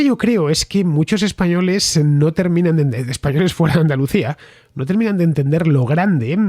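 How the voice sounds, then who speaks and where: A man hosting a Spanish talk podcast, answering a listener's message with explanatory commentary and quick asides. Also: fairly high pitch, a little mellow, no echo. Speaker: podcast host.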